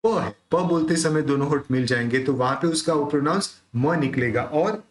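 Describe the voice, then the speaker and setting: This man's voice runs on the high side, and he speaks with a Hindi accent as he explains the sounds of devotional verses one by one. Then he chants the lines slowly and in a measured way, his voice echoing around the room.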